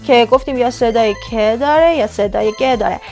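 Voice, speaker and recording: Woman, language teacher, higher pitch, faint music underneath, slow repeated sounds. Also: a little mellow. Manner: repeats sounds slowly, addresses viewers as kids. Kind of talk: explaining Korean consonants.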